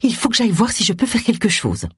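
A woman voicing a composed, kindly vicar's wife in an audiobook, gentle but firm. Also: a little high, huge pitch swings, quick pace, breathy edge, no room sound, clean studio sound, voice pushed up, full character voice. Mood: concerned.

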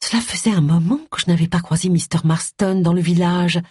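A woman voicing a composed, kindly vicar's wife in an audiobook, gentle but firm. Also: lowish voice, steady tone, a little fast, slightly rough, no room sound, studio quality. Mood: thoughtful.

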